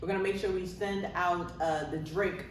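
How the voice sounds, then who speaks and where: Low-voiced woman in a very echoey room. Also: moderate pace, far from the mic, slight background noise. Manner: relaxed storytelling, chuckling asides. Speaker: podcast co-host. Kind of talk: casual chat.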